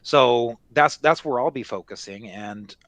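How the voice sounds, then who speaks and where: A male market analyst talks through his reasoning off the cuff in a mid-pitched voice. He explains in a conversational way, often dropping in small check-in phrases. The sound is close and dry, with very little room in it. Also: a little slow, fairly bright tone, no room sound. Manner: conversational, explanatory, peppered with "you know" and "right?". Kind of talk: unscripted market commentary.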